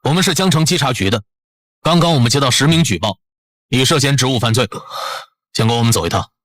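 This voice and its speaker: A man's voice: medium pitch, lively intonation, quick pace, a bit bright, natural voice. An actor as a formal male inspector. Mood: stern. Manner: formal and official. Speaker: inspector making an arrest.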